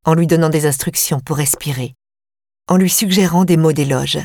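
A woman narrating a first-person audiobook in an even, measured voice. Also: deep voice, no room sound, clean studio sound. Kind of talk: audiobook reading.

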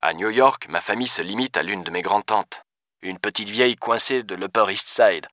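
A man's voice: fairly low pitch, moderate pace, sharp tone, dry recording, studio quality. A man reading an audiobook, voicing a panicked young female police detective who talks urgently and snaps at people. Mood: weary. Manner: urgent, desperate, snapping.

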